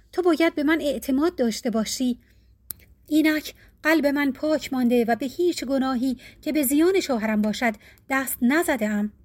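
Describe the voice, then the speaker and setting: A woman voicing a faithful young wife in a storybook, speaking softly with a trembling voice. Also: sits high, close to an everyday voice. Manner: soft, trembling speech. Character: faithful young wife, wounded yet dignified.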